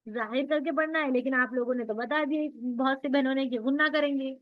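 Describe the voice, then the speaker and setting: In a dull, lo-fi recording, a woman teaches the rules of Quran recitation online, speaking fairly quickly in a high-pitched, steady tone. Her patient explanations include questions she asks and then answers herself.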